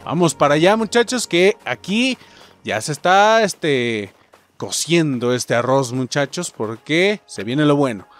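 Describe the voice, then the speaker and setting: Animated Mexican man commenting a game. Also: fairly high pitch, measured pace, soft background music. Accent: Mexican Spanish. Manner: excitable, jokey, swears freely, talks to viewers as muchachos. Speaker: gaming streamer. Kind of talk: casual let's-play commentary.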